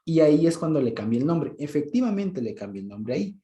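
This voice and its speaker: A man with an Ecuadorian Spanish accent teaches from the Bible in a relaxed, conversational way, checking often whether his listeners follow and laughing softly. His voice is dark and mellow, sitting a little high for a man. The room around him is echoey. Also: fairly quick. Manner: conversational, checks understanding often with short questions and soft chuckles. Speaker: preacher.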